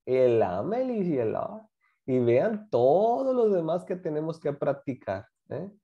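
A man's voice: on the high side, sing-song, a little slow, husky, lo-fi sound. A man teaching a class, patiently explaining grammar and repeating examples while asking students to join in. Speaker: English teacher.

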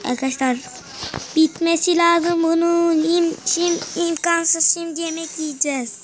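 A young woman streaming a game from her bedroom, excitable, with frustrated muttering and mild swearing. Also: very high-pitched, measured pace, slight background noise. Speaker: gaming channel host. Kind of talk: casual gameplay commentary. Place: bedroom at home.

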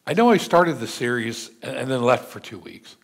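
An older man, a pastor, preaching a measured sermon from a church pulpit and reading scripture aloud. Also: mid-range voice, expressive, vocal fry. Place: church sanctuary. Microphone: pulpit mic, seen from far camera.

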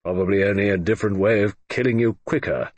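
A man reading an audiobook, voicing a gruff, blustering old retired admiral who speaks in brusque, clipped grumbles. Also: lowish voice, quick pace, dry recording.

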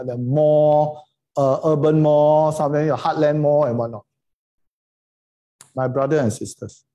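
Fairly high in pitch yet dark in tone, a middle-aged Singaporean man gives an informal online lecture indoors over a video call. He speaks colloquial Singlish, emphatic and full of rhetorical questions and tag words.

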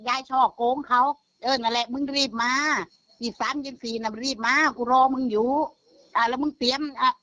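A woman's voice: on the high side, level tone, fairly quick, sharp tone, no echo, low-quality recording. An older woman chatting bluntly, swearing freely and repeating herself as she tells of a call. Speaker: grandmother telling of a phone scam. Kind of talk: casual phone-style chat.

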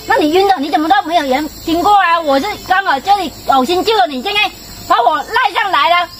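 A woman's voice: very high-pitched, fast talker. A woman playing a flustered pleading passerby. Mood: defensive. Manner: pleading, defensive. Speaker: passerby wrongly accused. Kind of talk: amateur comedy skit acting. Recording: loud music and crowd behind.

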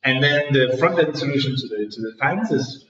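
A crowd can be heard behind a Danish startup founder in his thirties as he answers interview questions in a co-working space office. He speaks at normal speed in a medium-pitched voice, hesitating with many fillers and restarts, and the echoey room leaves the recording distant and dull.

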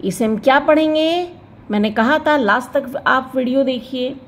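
A woman teaching a pronunciation lesson, slowly drawing out example words and checking in with the viewer. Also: high-pitched. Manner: slow and careful, drawing out example words, asks the viewer "right?". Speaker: English teacher.

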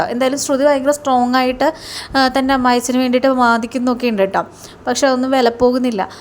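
A woman's voice: fairly high pitch, a little mellow, a little hiss or hum. A woman casually retelling a TV serial episode, chatting along with filler sounds and reading out the characters' lines in her own voice. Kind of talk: casual spoken recap of a TV serial.

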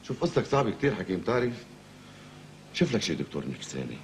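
A man's voice: on the low side, big pitch swings, racing. A Lebanese man acting a comic, rambling patient who suddenly finds himself married to two wives. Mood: mock advice. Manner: rambling, exaggerated, comically flustered. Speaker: patient in a comedy series. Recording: loud background noise.

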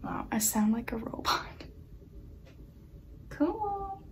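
A woman vlogging as she unboxes and sets up a new laptop, excitable and gasping, often dropping into whispered asides, recorded indoors by a camera on a tripod. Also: high voice, takes it slowly, slight background noise. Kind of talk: unboxing vlog narration.

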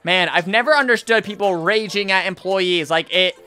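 A man's voice: high-pitched, moderate pace, bright, forceful tone, smooth, soft background music. A man gives casual, exclaiming, incredulous reaction commentary full of slang, close on the mic. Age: 20s. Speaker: reaction video host. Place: small indoor home studio. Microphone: close boom-arm microphone.

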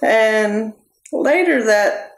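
A young woman giving a personal testimony sermon straight to camera, talking slowly and haltingly with restarts. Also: fairly high pitch, lively intonation. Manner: slow, halting delivery with restarts. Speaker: preacher. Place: small room indoors. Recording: echoey room.

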